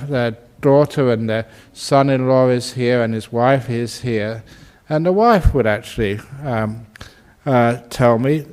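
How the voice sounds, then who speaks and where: A man who is a Buddhist monk, giving a dharma talk and telling anecdotes in an unhurried way with gentle humour. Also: mid-range voice.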